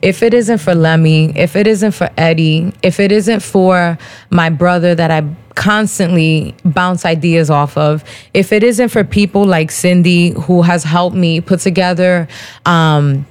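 A woman in her thirties with a fairly low voice talks straight to her listeners as a podcast host. She speaks candidly and casually, in slang, with plenty of "um"s between thoughts. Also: measured pace, a little mellow. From New Jersey, USA. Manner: candid, slangy, many "um" fillers. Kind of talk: casual personal monologue.

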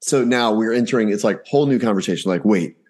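A man's voice: on the low side, fast talker, darkish tone. A man in his forties, a podcast guest, telling a family story casually and animatedly, acting out the dialogue.

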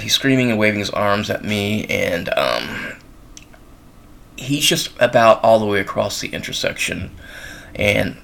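A man's voice: on the low side, vocal fry, a bit bright. A man hosting his own show, telling a long story in a rambling way, full of ums and uhs. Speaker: podcast host. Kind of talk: casual storytelling. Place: college town in the United States.

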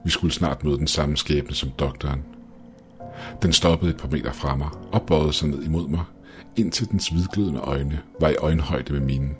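A man narrating a first-person horror story in a tense, dramatic way. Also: rumbling low. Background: faint music.

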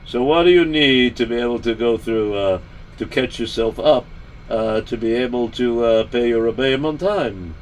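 A man's voice: mid-range voice, normal speed, a little hiss or hum. A man, a rabbi, trading an improvised story with a partner in a playful way.

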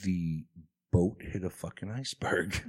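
A dad putting on a deep disembodied otherworldly voice. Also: male voice, a little slow, slightly rough, dry recording. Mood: eerie. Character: disembodied otherworldly male spirit voice. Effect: otherworldly disembodied voice effect. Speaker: podcast co-host, the host's dad. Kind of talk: casual comedy podcast banter.

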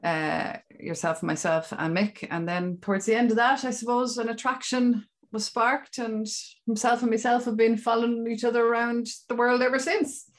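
A woman with an Irish accent talking casually about herself as an interview guest, in a mid-pitched voice. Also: fairly even intonation, normal speed. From Dún Laoghaire, Ireland. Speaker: interview guest, business owner.

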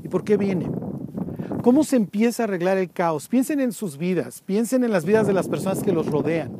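A man with a Mexican accent teaching Bible stories outdoors at a historic site, telling them lively and acting out the voices. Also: high-pitched, brisk. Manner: lively storytelling, acts out biblical voices. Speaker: tour guide preacher. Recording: loud outdoor noise.

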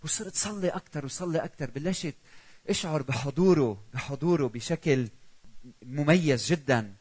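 A middle-aged man with a Lebanese Arabic accent preaching a sermon, swinging from loud cries to hushed prayerful quoted lines. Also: on the high side, lively intonation, moderate pace, husky, low-quality recording. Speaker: pastor.

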